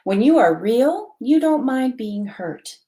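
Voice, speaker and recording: Woman reading as a gentle, unhurried old toy horse. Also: a little high, very animated, voice pushed up. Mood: gentle, wise. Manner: gentle, unhurried, truthful explaining. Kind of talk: storybook character reading.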